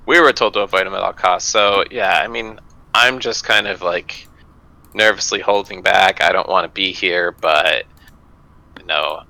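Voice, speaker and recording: Deep-voiced, bright-toned hesitant gamer man. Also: moderate pace, poor audio. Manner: hesitant, filler-heavy. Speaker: player. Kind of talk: casual tabletop game talk.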